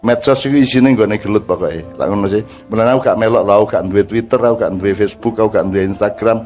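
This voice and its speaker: A man's voice: fairly low pitch, quick pace, a little mellow, soft background music. Older East Javanese man preaching folksy. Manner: joking, conversational, mixes languages, asks the crowd questions. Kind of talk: folksy religious talk to a crowd.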